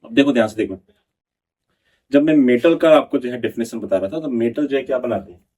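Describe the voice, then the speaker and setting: Husky-voiced man teaching, slightly off-mic. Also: mid-range voice, mellow, distant mic. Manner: reads English notes slowly, then explains in Hindi; asks the class questions and answers them himself. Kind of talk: exam prep lecture.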